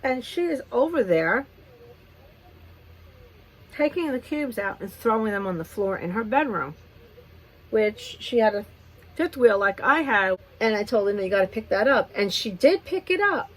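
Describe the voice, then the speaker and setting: A woman's voice: on the high side, a little slow, pauses often, poor audio. Chatty woman telling a story while doing makeup. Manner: rambling, animated retelling with restarts. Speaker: beauty vlogger. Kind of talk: chatty get-ready-with-me storytime.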